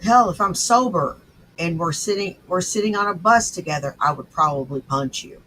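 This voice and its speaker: A woman's voice: lowish voice, fairly bright tone, a little hiss or hum, rough recording. A woman commenting on a clip in a blunt, scornful and sarcastic way. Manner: scornful, sarcastic, slow and deliberate. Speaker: commentator reacting to clips.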